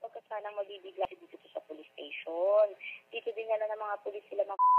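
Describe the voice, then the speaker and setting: A man with a husky voice speaking over the phone, often checking that the listener follows. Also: high-pitched, fast talker, slight background noise. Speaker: phone caller. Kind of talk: phone conversation. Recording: tinny, narrow telephone line.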